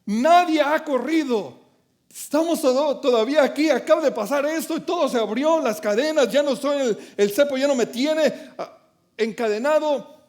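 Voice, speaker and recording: A preacher voicing an imprisoned apostle calling out to stop the jailer. The voice is very high and strong, urgent yet reassuring. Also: male voice, normal speed, darkish tone.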